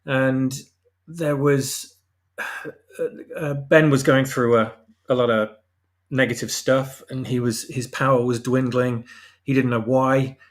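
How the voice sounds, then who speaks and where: A guest writer for a fan audio drama talks about his own story, casual and hesitant as he hunts for words. His voice is medium in pitch with fairly even intonation, and he takes it slowly.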